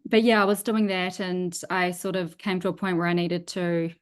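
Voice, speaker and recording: A woman's voice: on the low side, flat delivery, moderate pace, clean tone. A woman in her thirties with a New Zealand accent, an author talking casually on a video call, rambling and hesitant with many restarts. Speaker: author guest. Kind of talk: casual interview chat. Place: home.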